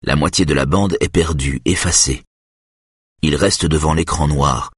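A man narrates an audiobook in a measured, steady read. His voice is very low and husky. The recording is dry and close, with no room sound. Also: dry recording. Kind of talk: scripted narration.

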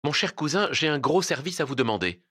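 A man's voice: on the high side, lively intonation, fairly quick, bright, forceful tone, slightly rough, pitched above the performer's own voice, full character voice. A man reading aloud, voicing a distressed young woman who trembles and pleads, close to tears. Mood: uneasy.

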